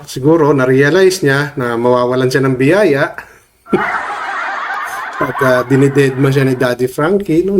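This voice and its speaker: A man's voice: medium pitch, background noise. A man vlogging casual commentary while he has a cold that changes his voice, often checking in with his viewers mid-sentence. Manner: chatty, tags lines with questions to viewers. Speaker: vlogger commenting on online drama.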